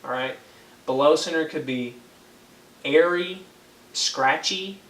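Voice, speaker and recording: A man's voice: on the high side, slow, fairly bright tone. A young man teaching a one-on-one brass lesson, patient and checking in with frequent okays. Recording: echoey room, faint ambient noise.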